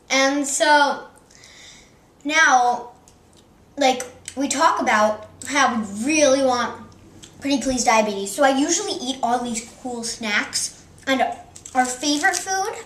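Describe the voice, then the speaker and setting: A chatty ten-year-old girl, acted by a student in a homemade sketch rambles slowly through her answers, full of ums and likes. Her voice sits high. The room echoes around her. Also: bright, forceful tone, full character voice. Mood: rambling. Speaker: interviewee. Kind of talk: amateur comedy sketch.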